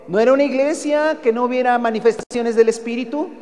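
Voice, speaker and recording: A Mexican-accented preacher giving a sermon, pressing each point home with emphasis and posing rhetorical questions to the congregation. The voice sits at a middling pitch, and a long hall reverb trails after every phrase. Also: fairly even intonation, quick pace, a little mellow. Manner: emphatic, keeps calling listeners "brother", asks rhetorical questions.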